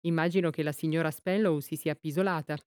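Hearty, decisive village woman in her fifties, deep and booming, voiced by a woman narrator; smooth storybook read. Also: fairly even intonation, fast talker, a little mellow, no echo, clean studio sound, natural voice. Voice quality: booming baritone voice. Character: jovial brisk woman of fifty-five.

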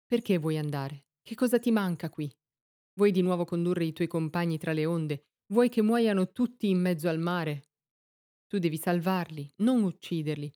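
A woman's voice: on the low side, moderate pace, mellow, close to an everyday voice. A woman reading the lines of a betrayed, heartbroken queen in an impassioned, reproachful way. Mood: pleading. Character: heartbroken queen Dido, betrayed by her lover.

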